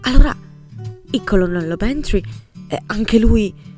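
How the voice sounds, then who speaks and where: A gossiping elderly spinster with a deep, low voice, as a woman reader puts her on. She talks with indignant relish at village scandal, and soft music plays behind. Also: animated, measured pace, close to an everyday voice. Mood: scandalized.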